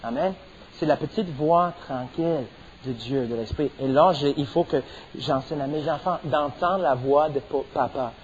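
A man's voice: fairly high pitch, normal speed, dull audio, slight background noise. A middle-aged man preaching a sermon as pastor, stressing points and punctuating them with amens. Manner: preaching with rising emphasis and repeated amens.

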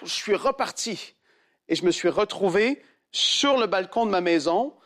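Animated preacher, high-pitched man. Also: unhurried. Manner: animated storyteller who acts out quoted voices in a much higher pitch. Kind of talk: sermon storytelling.

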